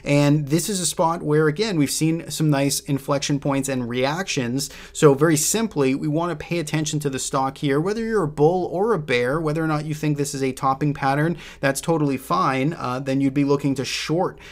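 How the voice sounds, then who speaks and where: A man's voice: on the high side, moderate pace, few pauses. A man with a Boston accent hosting a chart walkthrough, talking casually and loosely as he thinks aloud with frequent restarts. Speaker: host presenting stock trade ideas.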